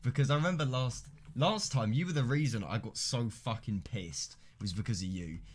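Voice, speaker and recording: A man's voice: medium pitch, moderate pace, husky. A nineteen-year-old British man live-streaming a game, chatting casually in a matey, rambling, sweary way.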